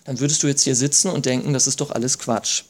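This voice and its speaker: A man preaching a sermon, asking rhetorical questions and reading scripture aloud slowly with emphasis. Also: medium pitch, steady tone.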